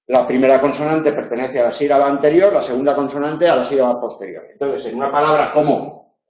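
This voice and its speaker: Heard in a roomy, dull lo-fi lecture recording, a man with a fairly high pitch and darkish tone teaches phonetics at a university. He demonstrates sounds, often checks in with his listeners, and has a northern Spain Spanish accent.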